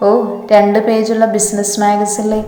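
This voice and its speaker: Woman reading as a stubborn young woman, short and cold, flat tone, roomy sound. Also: medium pitch, measured pace, lightly acted. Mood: defiant. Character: proud, defiant young woman.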